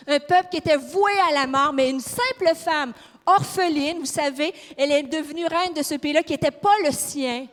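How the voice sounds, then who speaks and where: A woman with a Québécois accent preaches with fire and emphasis, often putting questions to the congregation. Her voice sits high, and the sound rings with the long reverb of a large church hall. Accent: Québécois French. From Quebec. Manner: fiery, emphatic, questions the audience. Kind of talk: sermon.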